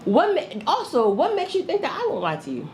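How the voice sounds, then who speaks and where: High, lively, blunt woman podcast host. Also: fairly quick, background noise. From New Jersey. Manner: blunt, profane, laughing often. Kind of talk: candid advice chat.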